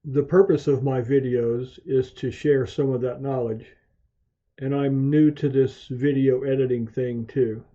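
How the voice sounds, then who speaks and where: Recorded in a home radio shack, this screen-tutorial narration walks through software slowly and methodically. The speaker, an amateur radio hobbyist who hosts video tutorials, has a very dark, mellow, medium-pitched voice with fairly even intonation, captured on a dull, muffled lo-fi voice track.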